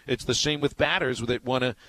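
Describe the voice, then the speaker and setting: A man's voice: mid-range voice, fairly even intonation, brisk, fairly bright tone, low-quality recording. A man co-hosting a sports radio show, talking casually and telling rambling stories with many restarts.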